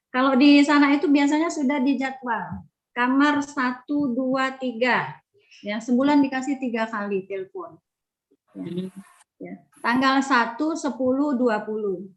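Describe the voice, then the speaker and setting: A woman giving a webinar talk to mothers, speaking in a warm, repetitive way full of "ya". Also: high voice. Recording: dull lo-fi video call audio.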